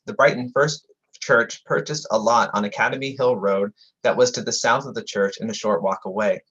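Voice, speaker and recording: A man's voice: on the low side, a bit bright, breathy edge. A man giving a history lecture, reading from prepared text and often correcting himself, at times talking over sirens. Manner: reads prepared text with frequent stumbles and self-corrections. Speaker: lecturer presenting a book on historic buildings. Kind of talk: slide-illustrated history lecture. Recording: slightly dull, muffled audio with passing sirens.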